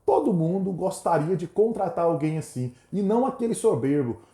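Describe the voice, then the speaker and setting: A man's voice: high-pitched, big pitch swings, normal speed, mellow, reverberant. A Brazilian man giving an instructional talk, explaining points and acting out short example dialogues. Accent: Brazilian Portuguese.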